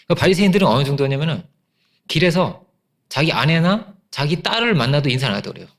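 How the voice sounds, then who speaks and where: Fast and on the high side, a pastor's voice carries an animated story in his Sunday sermon. He performs quoted voices and keeps trailing off into fillers and restarts.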